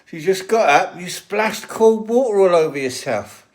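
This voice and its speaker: A man's voice: sits high, animated, moderate pace. An older man, rambling casually to the camera as a vanlife vlogger and talking to his dogs. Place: in and around a van.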